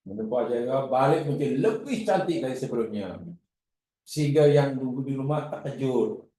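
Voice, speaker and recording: A man giving a religious class lecture, animated and acting out his examples. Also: mid-range voice, normal speed. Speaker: religious teacher. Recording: echoey room.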